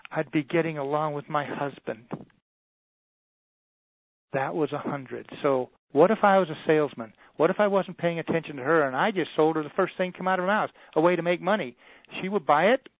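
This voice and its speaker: A man speaking as a motivational speaker, telling a story and acting out the dialogue while he pitches a coaching package. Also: a little fast, vocal fry, no echo. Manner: storytelling, voices quoted dialogue. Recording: tinny phone-like audio, dry.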